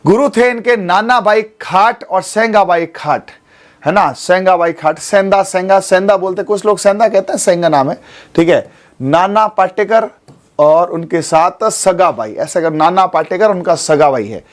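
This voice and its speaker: Male coaching teacher in his forties, light high voice, coaxing classroom manner, studio lesson. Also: unhurried. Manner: coaxing, keeps checking with students. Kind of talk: exam coaching class lecture.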